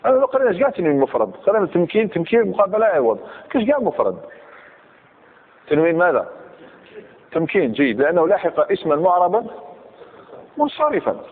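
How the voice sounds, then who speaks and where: A man's voice: sits high, sing-song, rapid-fire, husky. A man teaching grammar to a class, quizzing the students and repeating examples. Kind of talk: classroom lecture. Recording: tinny phone-like recording.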